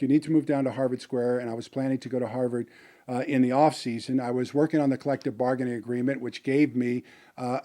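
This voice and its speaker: A middle-aged man with a warm, relaxed voice tells a personal story as a motivational business speaker. He pitches in the middle for a man and rambles, with many fillers and restarts.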